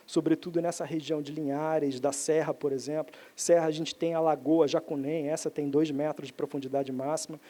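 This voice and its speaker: Man, professor, seminar panel talk, mellow warm tone, fairly high voice, explanatory. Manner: explanatory, frequent "né?" tag questions, some restarts. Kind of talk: technical talk on lake pollution. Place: seminar auditorium.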